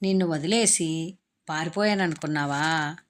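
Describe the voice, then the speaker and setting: In a deep, unhurried voice, a woman performs the role of a remorseful, loving young man consoling his crying girlfriend in a Telugu audiobook. The character voice carries a gentle, apologetic tenderness.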